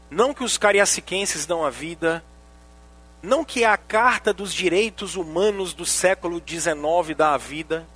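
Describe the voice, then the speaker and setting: A Brazilian man preaching a sermon as pastor, animated and joking, speaking straight to the congregation. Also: high-pitched.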